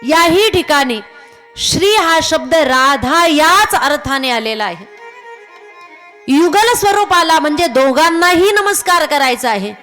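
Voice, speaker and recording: A woman giving a devotional discourse, telling a sacred story in measured tones and chanting verses. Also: sits high, animated, bright, forceful tone. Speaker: kirtan speaker. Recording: faint music behind.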